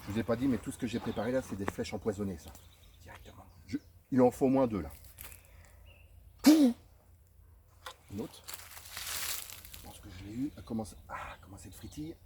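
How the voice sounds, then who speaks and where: A man's voice: lowish voice, fast talker. Man, comic mock-hunt host, over-the-top outdoor commentary with birds and nature noise behind. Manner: exaggerated, theatrical, addresses viewers as friends. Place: outdoors in a forest.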